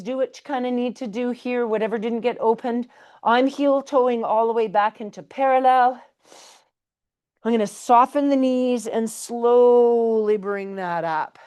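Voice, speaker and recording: A woman pilates instructor talks a class through each move. She calls breaths and counts in a friendly, encouraging way. Her cues are conversational rather than scripted. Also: fairly high pitch. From Canada. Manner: chatty, laughs between cues. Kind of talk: live exercise class instruction.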